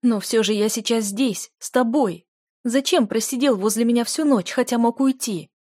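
A woman's voice: mid-range voice, brisk, darkish tone, no room sound, clean studio sound, lightly acted. A woman voicing a desperate young female student in love, pleading emotionally with a raised voice.

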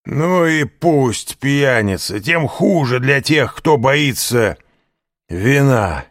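A man voicing a loud, drunken, boastful middle-aged man in a tavern, talking in a slurring, mocking way. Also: mid-range voice, lively intonation, takes it slowly, no echo, studio quality, pitched above the performer's own voice. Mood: indignant boasting.

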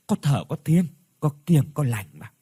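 A man's voice: on the high side, animated, moderate pace, mellow, slightly rough, dry recording, clean studio sound. A man voicing an elderly male inn owner who warns young travellers in a half-joking, teasing way. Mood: warning. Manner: teasing yet cautioning.

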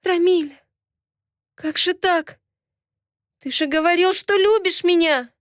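A woman's voice: measured pace, no echo, studio quality. A woman acting as a desperate pleading young wife. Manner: high, loud, impassioned cries.

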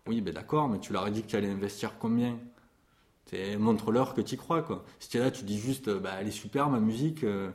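Man, forties, low voice, music publisher in an interview, hesitant, lots of fillers, passionate. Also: a little fast. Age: 40s. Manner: hesitant, many fillers and restarts; passionate about his trade. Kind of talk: interview conversation.

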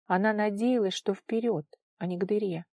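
A woman's voice: mid-range voice, steady tone, moderate pace, a little mellow, dry recording. Woman narrating a storybook, dry sound. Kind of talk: audiobook narration.

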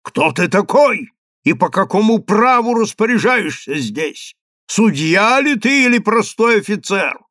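A man performs a frantic older chief rabbi in an audiobook, his voice pushed up high and strained as he implores. The tone carries a gravelly edge, recorded close and dry. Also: animated, slow pace, few pauses, pushed and bright, dry recording, full character voice. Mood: indignant.

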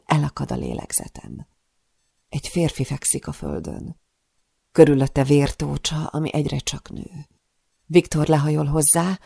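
A woman narrating a first-person audiobook with dramatic, breathless delivery. Her voice carries a strong gravelly fry throughout. The recording is dry and close, with no room sound. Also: deep voice, warm tone, dry recording.

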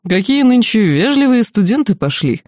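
A woman doing a deep-voiced demon lord. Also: big pitch swings, normal speed, a little mellow, no echo, studio quality. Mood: calm, amused. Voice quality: deep bass. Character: huge male demon, deep-voiced, calm and amused.

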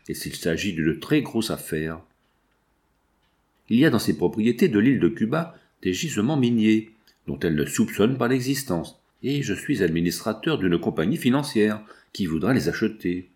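A man's voice: fairly low pitch, a little mellow, lightly acted. A man reading the part of a shrewd, scheming male financier in an audiobook, speaking in a persuasive, self-assured way.

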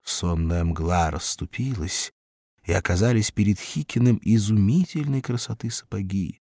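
An expressive man reads a comic story aloud at a slow, measured pace, his pitch rising and falling freely. The recording is close and dry, with no room sound. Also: husky, dry recording. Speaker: narrator. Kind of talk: audiobook reading of a humorous story.

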